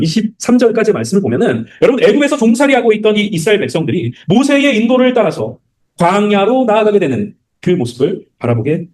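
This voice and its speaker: Fast, high-voiced male preacher. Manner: asks the audience many rhetorical questions; acts out quotes in lively voices. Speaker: pastor leading Bible study. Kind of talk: sermon.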